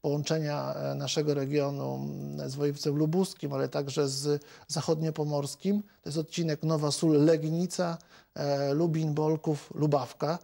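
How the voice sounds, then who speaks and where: Male MP, 40s, slightly high and flat delivery, lots of "er" fillers, studio lapel mic. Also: creaky. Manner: measured, hesitant, many filler sounds. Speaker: member of parliament. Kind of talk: televised political interview.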